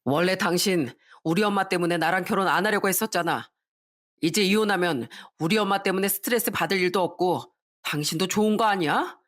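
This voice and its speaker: A woman's voice: fairly low pitch, a little fast, a bit bright, lightly acted. Woman voicing a brazen cheating husband. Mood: dismissive. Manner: blunt, dismissive demands. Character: cheating husband, young adult man, brazen and cold.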